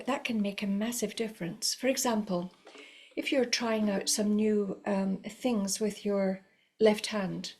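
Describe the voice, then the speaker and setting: A middle-aged woman violin teacher giving a spoken lesson, talking in a calm, encouraging and unhurried way with frequent fillers. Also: mid-range voice, vocal fry.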